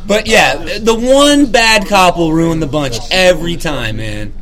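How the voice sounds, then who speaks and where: High, animated joking man. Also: crowd noise. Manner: playful, quick to joke and laugh along. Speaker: podcast co-host. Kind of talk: casual chat.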